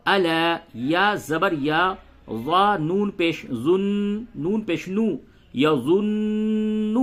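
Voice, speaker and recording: A man teaching Quran recitation, patiently spelling letters aloud and reciting verses very slowly. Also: sits high, fairly bright tone. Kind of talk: tajweed lesson with slow recitation and spelling.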